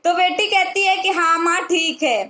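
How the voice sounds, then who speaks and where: A woman's voice: extremely high pitch, measured pace, pushed and bright, echoey room. A woman casually telling a short moral story, retelling the dialogue plainly as she goes.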